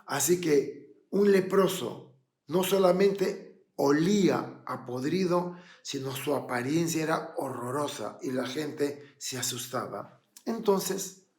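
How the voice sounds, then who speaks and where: A male pastor preaches with vivid, dramatic storytelling. His slightly raised voice drops low and then climbs loud again. The sound rings in a roomy church hall. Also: takes it slowly. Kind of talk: sermon.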